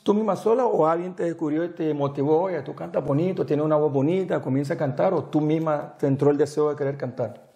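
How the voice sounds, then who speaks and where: Middle-aged male interview host, slightly high voice, mellow timbre, chatty, lapel mic. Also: quick pace, creaky, few pauses. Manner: warm, chatty questions with a little English mixed in. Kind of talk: friendly interview in a studio. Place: small indoor studio, seated.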